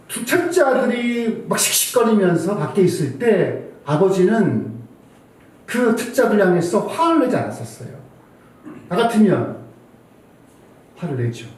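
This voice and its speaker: A man's voice: high-pitched, a little mellow. A man in his forties preaching a Sunday sermon in a church hall, telling a family story and acting out his own angry scolding. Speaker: pastor. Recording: echoey hall from far off.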